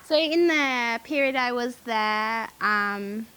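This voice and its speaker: A young Australian woman telling her story casually and hesitantly, with frequent ums and pauses. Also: on the high side, background noise. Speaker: charity founder.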